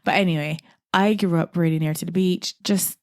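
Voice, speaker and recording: A woman's voice: on the low side, steady tone, a little fast, no echo. A woman from Barbados hosting a solo podcast, reflective, repeating her phrases and dropping to a whisper for emphasis. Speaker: podcast host.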